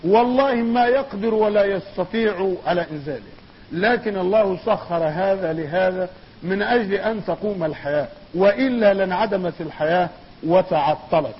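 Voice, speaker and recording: A man delivers a mosque sermon in a high, husky voice. He drives his points home with repeated phrases and slows into a chant when he recites verse. The recording sounds dull and muffled. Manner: emphatic oratory with repeated phrases; slow chanted poetry recitation. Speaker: preacher. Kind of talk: Friday sermon.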